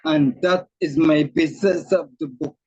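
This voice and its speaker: Man with a shaky, husky voice. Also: fairly high pitch, fairly even intonation, a little mellow, dry recording. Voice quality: voice shakes from throat muscle tremor. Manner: earnest, deliberate storytelling. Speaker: author guest. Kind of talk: personal testimony in an interview. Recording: muffled lo-fi call audio.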